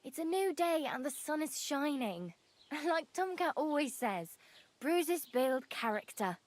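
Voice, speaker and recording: A woman's voice: high-pitched, big pitch swings, measured pace. An actress playing a cheerful, chatty young female wanderer in a game. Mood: friendly. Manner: friendly, chatty, laughs easily.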